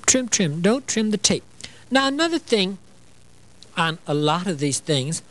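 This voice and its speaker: A man's voice: sits high, low-quality recording. An older man from Illinois hosting a sewing demonstration on a television show, chatty and playful, with frequent "you know" and joking asides. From Illinois, USA. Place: TV studio.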